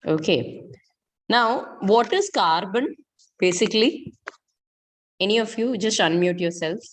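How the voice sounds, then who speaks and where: Speaking at a measured pace in a mid-range, animated voice, this middle-aged woman with an Indian accent leads an interactive online chemistry class. She poses questions to students and goes back over the key points.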